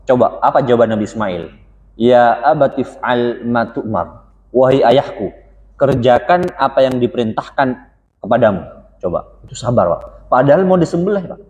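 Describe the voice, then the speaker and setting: A man giving a conversational mosque sermon, speaking straight to the congregation and slowly quoting Arabic verses. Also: medium pitch, darkish tone. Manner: conversational, addresses listeners as "Pak", quotes Arabic verses slowly. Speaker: preacher. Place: mosque hall. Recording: dull lo-fi recording with long hall reverb.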